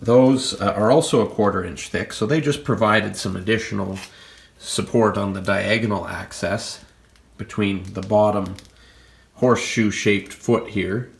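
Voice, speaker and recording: This fitness channel host has a lowish, gravelly voice made congested by a cold. He walks casually through his home gym equipment, pointing out each item and explaining it plainly.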